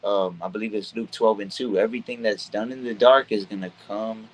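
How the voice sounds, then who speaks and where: A man's voice: lowish voice, steady tone, a little hiss or hum, low-quality recording. A man hosting a casual religious discussion, teaching from scripture and often checking in with his listener. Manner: reads scripture aloud slowly. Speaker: podcast host leading a scripture study.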